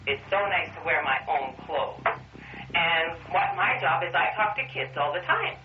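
A woman police officer gently questioning a young child, heard on an old archival interview tape, patient and repeating the child's answers back in simple words. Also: lowish voice, normal speed. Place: interview room. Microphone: room recorder placed far from her. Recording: muffled distant roomy archival tape.

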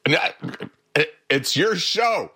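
Man, 70s, radio guest, slow delivery, animated pitch, chuckling storyteller. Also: husky. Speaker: therapist and social worker guest.

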